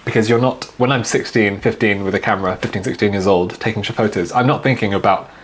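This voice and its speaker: A young man in his twenties who grew up in China appears as a guest videographer in an interview, speaking in a relaxed, casual way. His voice is on the low side and quick, and he often repeats words and fills gaps with "like." There's a little hiss or hum in the recording.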